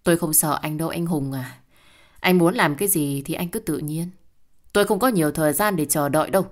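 A woman's voice: sits low, fairly quick, close to an everyday voice. A woman playing a cool, defiant young mother. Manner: firm, cool and cutting.

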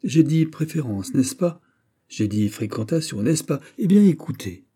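A jealous young prince with a raised, husky voice, as a man reads him in an audiobook. He presses every point with heat and insistence over a dark, mellow tone. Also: on the high side, lively intonation, unhurried, pitched above the performer's own voice. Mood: indignant. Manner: heated, insistent, emphatic. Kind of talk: audiobook character voice.

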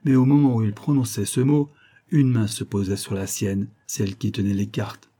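A man narrating a nineteenth-century novel in a steady, measured read. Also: fairly low pitch. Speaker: audiobook narrator. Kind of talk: scripted narration.

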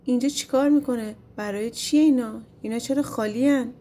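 A woman's voice: on the high side, dark tone, natural voice. A woman reading a storybook voices a curious, stubborn bald shepherd who pleads and pries. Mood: pleading. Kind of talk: storybook narration.

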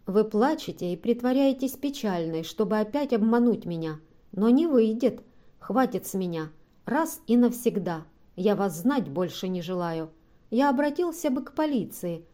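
A stubborn, distrustful man with a scornful, cutting delivery, read aloud by a woman narrating an audiobook. The tone stays mellow and dark rather than bright. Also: fairly high pitch, lightly acted. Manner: accusing, scornful, decisive. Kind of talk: audiobook reading.

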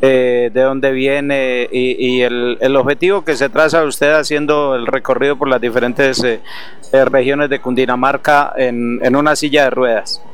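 A man's voice: mid-range voice, little pitch movement, a little slow. A man reporting and interviewing a guest on a community radio program, asking polite, hesitant questions.

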